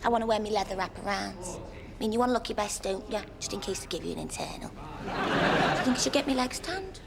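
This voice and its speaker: A woman's voice: medium pitch, animated, fast, gravelly. An actress playing a brassy, vain expectant mother with a blunt, earthy comic way of talking. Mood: grumbling, joking. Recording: loud crowd behind.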